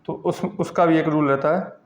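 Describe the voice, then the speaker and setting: Male grammar teacher, fairly high voice, drills examples by repetition, roomy classroom sound. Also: steady tone. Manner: repeats examples slowly, asks and answers his own questions. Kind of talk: classroom lesson explaining pronunciation rules. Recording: echoey lo-fi classroom recording.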